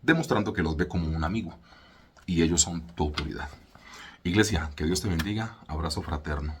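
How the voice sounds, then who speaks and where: A man with a Colombian accent giving a casual sermon teaching as a church leader, colloquial and laid-back, slowing down to stress his points. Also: deep voice, background noise. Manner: laid-back, colloquial, mimics voices, slows for emphasis.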